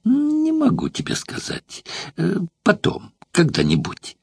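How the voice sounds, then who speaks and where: A man's voice: high-pitched, huge pitch swings, slow pace, gravelly, husky, no echo, voice pushed up, heavily acted. A man playing a guarded old male actor. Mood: evasive. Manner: guarded, confiding. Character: old dissolute male actor, secretive and cautious. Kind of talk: audiobook character voicing.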